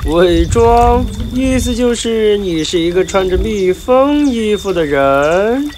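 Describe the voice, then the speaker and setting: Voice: mid-range voice, animated, slow pace, darkish tone, soft background music. An actor voicing a blunt, teasing, exasperated grasshopper who banters like a know-it-all in a children's story. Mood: amused, teasing. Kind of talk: children's audio story character acting.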